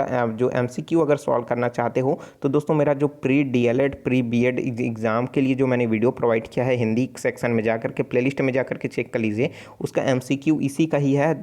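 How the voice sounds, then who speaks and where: Speaking with a Chhattisgarhi Hindi accent in a mid-range, darkish voice, this man leads a casual online exam-prep lesson. His explanations are steady, and he sounds out letters aloud and frequently corrects himself.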